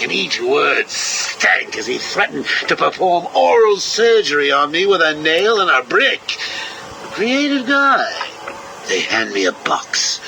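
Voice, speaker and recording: An actor playing a manic, mocking villain clown, heard played back from an old interview tape. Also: male voice, medium pitch, vocal fry. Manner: sarcastic, sing-song, cackling. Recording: hissy cassette tape recording.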